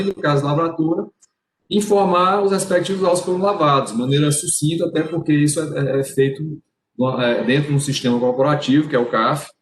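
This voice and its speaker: A man's voice: medium pitch, a little hiss or hum. A man, a state attorney, giving a formal legal argument in a tax appeals hearing, often hesitating with repeated filler sounds over a video call. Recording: roomy echo on a video call.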